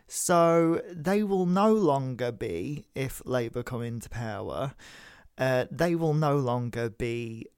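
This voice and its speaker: A woman co-hosting a casual political chat podcast, chatty and sweary, quick to laugh. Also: rumbling low, expressive, a little mellow, clean tone. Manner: chatty, sweary, laughs easily, lots of fillers. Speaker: podcast co-host.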